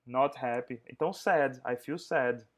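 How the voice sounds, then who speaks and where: Switching between Portuguese and English, a man with a mid-range voice runs an English review session on a video call. He explains points, then slowly drills pronunciation, saying words carefully for his students to echo.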